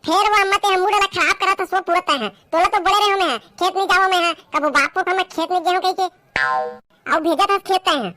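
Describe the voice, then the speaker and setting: A lazy, excuse-making young village man from a comic skit, acted by a woman, talking in a Chhattisgarhi accent. The voice sits very high and bright, sharp at the edges. He grumbles and whines his way through every line. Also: no echo, soft background music. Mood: whiny. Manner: whiny, grumbling, quick to complain.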